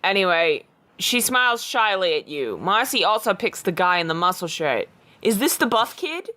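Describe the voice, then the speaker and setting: A woman's voice: mid-range voice, very animated, moderate pace, pushed and bright. A woman podcast host with an informal, giggly manner, chatting casually and reading a storybook aloud.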